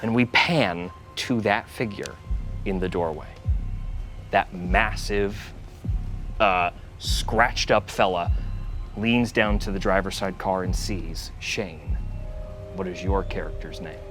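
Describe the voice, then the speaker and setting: A man's voice: sits low, slow, a bit bright. Man narrating a game over faint music. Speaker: game master. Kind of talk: improvised tabletop game narration.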